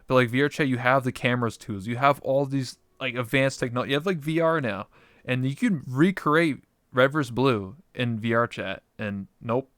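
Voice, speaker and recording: Male, smooth clear voice, dry close recording, casual rambling chat, slangy and sweary. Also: mid-range voice, moderate pace, fairly bright tone, no echo.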